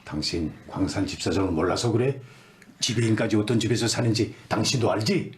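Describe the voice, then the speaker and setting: An actor playing a gruff, impatient middle-aged husband who answers his wife brusquely. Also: lowish voice, a little fast, slight background noise, close to an everyday voice. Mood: irritated.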